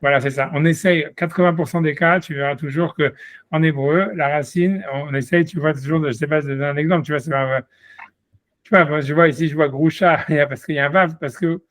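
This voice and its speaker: A man's voice: a little high, fairly even intonation, quick pace, a bit bright, no echo. A man teaching Talmud one-on-one, explaining patiently with many repetitions and restarts. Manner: explains patiently, repeats "tu vois" often, hesitant restarts. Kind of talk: one-on-one study session.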